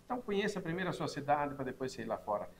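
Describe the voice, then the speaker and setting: A middle-aged man talks up his restaurant in a friendly, promotional way. He speaks quickly. A faint room hum sits behind him in the small bar. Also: on the high side, sing-song. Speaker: restaurant owner, guest. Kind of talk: interview answers.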